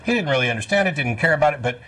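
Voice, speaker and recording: A man co-hosting a studio talk show, joking in a deadpan way while he eats. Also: fairly high pitch, very fast. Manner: jokey, deadpan, talks while eating. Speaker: co-host.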